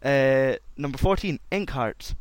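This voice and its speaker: A man's voice: mid-range voice, lively intonation, a little slow, clean tone, no room sound. Guy hosting, rambling casual chat, dry close sound. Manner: loose and rambling, laughs a lot. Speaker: podcast host.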